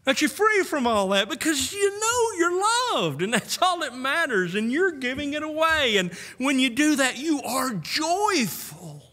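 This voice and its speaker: Older male pastor, sixties, earnest sermon delivery at a pulpit mic, bright voice, church reverb. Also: extremely high pitch, sing-song, measured pace, hardly any pauses. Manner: earnest, with warm little laughs and rhetorical questions. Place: church sanctuary. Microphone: pulpit microphone on a stand. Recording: long church hall reverb.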